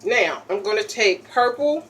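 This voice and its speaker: A chatty woman walks through a casual makeup tutorial, popping gum as she talks. She keeps checking in with a quick "okay?" after each step, over a faint hum behind her. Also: mid-range voice, animated, fairly bright tone. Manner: pops chewing gum while talking.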